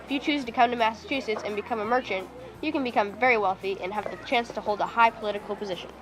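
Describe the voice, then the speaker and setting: A woman presenting a scripted sales pitch in the style of an infomercial. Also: rapid-fire, over music.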